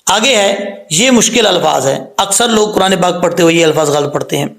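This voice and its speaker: His high voice is creaky and fairly bright, captured in a reverberant, low-quality recording. A man with a Pakistani Urdu accent patiently walks through Quran pronunciation, drawing out and repeating every letter sound in this tajweed lesson.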